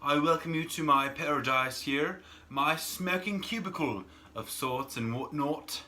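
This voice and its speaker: An American man putting on a South London accent to play a jovial Englishman welcoming viewers in a slow, theatrical way. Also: fairly high pitch, pushed and bright, a little hiss or hum, pitched above the performer's own voice. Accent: South London, as imitated by an American.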